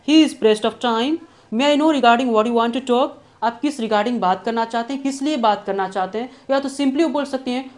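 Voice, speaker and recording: A woman with a slightly high voice gives a spoken English lesson. She explains in Hindi with English mixed in. She says each example phrase slowly and deliberately, often twice. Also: darkish tone. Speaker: English teacher.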